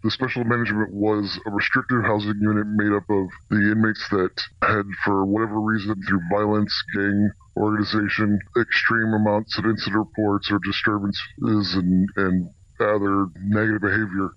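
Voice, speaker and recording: A man working as a corrections officer answers radio interview questions in a plain-spoken, halting way, his voice disguised to sound deeper. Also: level tone, dry recording, lo-fi sound. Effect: voice disguised to protect anonymity, deepened. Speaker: corrections officer, senior officer specialist.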